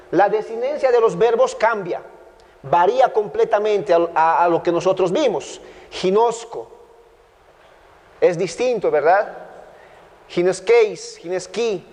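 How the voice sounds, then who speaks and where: High-voiced Bolivian man teaching Greek. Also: darkish tone, long reverb tail. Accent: Bolivian Spanish. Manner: patient, repeats points, checks understanding. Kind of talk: classroom grammar lecture.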